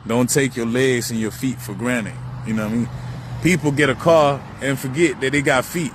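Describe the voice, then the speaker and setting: A man's voice: medium pitch, fairly even intonation, moderate pace. A man talking in a rambling, profane outdoor monologue, musing on spirituality and repeating himself as his thoughts drift. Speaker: vlogger. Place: outdoors beside a busy road. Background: faint passing traffic.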